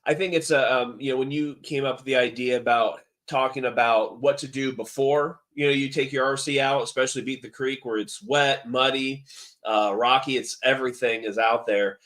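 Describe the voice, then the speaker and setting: A man's voice: mid-range voice, steady tone, moderate pace, a bit bright. A man appearing as a guest on a podcast, talking eagerly with many restarts. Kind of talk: casual interview chat.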